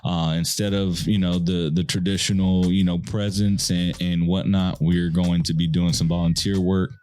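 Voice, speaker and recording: A man's voice: deep voice, flat delivery, moderate pace, a little mellow. A man hosting a podcast, giving casual, earnest advice in a conversational way and often checking in with "right?". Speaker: podcast host.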